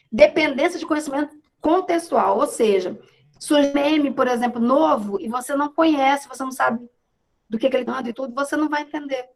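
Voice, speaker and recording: A woman's voice: sits high, vocal fry, low-quality recording. A woman teacher giving a casual online class over a video call, chatty and often checking in with her students.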